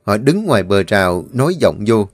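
A man narrating a story in a steady, vivid manner. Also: fairly low pitch, moderate pace, no echo. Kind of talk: scripted audiobook narration. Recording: dry voice with faint music.

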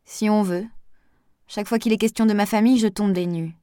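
A woman's voice: medium pitch, fairly even intonation, brisk, dark tone, smooth, no room sound, clean studio sound, lightly acted. Woman reading as a reserved young woman doctor. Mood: polite. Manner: brief, polite replies.

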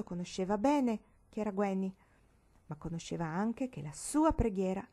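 Una donna che legge un romanzo per ragazze, con lettura regolare ed espressiva. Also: female voice, medium pitch, dark tone. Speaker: reader. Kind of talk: audiobook narration.

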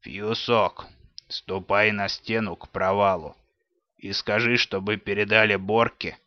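A man's voice: on the low side, steady tone, a little slow, no room sound, lightly acted. A man voicing a stern, menacing robber chieftain father in a dull, dry recording. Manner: menacing, gruff.

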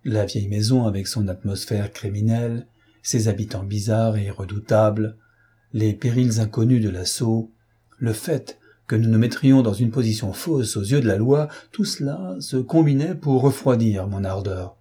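A man narrating a story as an audiobook reader, with steady, measured storytelling. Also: fairly low pitch, breathy edge. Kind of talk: scripted narration.

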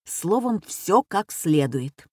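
A woman's voice: on the low side, very animated, slow pace, dark tone, husky, dry recording, clean studio sound, exaggerated voice. A woman reading aloud, voicing a self-important young man who tells a dentist story in a pompous way. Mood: boastful.

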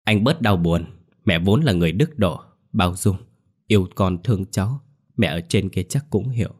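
A scheming young wife from a spoken horror story, shrill and pleading, her fake grief pitched well above the reader's own voice, as a man acts her out. Sweet on the surface and false underneath. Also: animated, moderate pace, breathy edge. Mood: coaxing.

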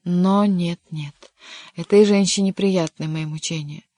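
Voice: mid-range voice, fairly even intonation, measured pace, mellow, no room sound, natural voice. A reader voicing a lovesick, despairing young count in an audiobook, speaking in an impassioned, pleading way. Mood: anguished. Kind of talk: audiobook reading.

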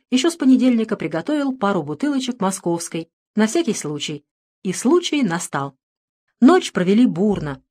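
A woman reading a novel aloud in steady scripted narration. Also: mid-range voice. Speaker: audiobook narrator.

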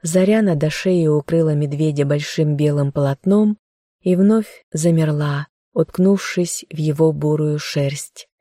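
A woman calmly narrating a fairy-tale novel as an audiobook. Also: low voice, measured pace, no room sound, studio quality.

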